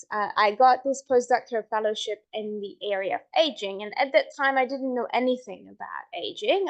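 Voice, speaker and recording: A middle-aged woman from Hungary giving a measured academic talk on her research, with frequent ums and restarts. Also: fairly high pitch. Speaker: researcher presenting her work.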